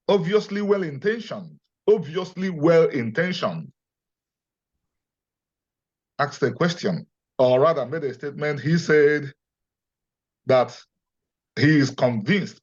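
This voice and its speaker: A man's voice: medium pitch, husky, highs cut off. A man speaking in an interview, emphatic and insistent, restating his points for force. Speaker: interview guest. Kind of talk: conversational interview.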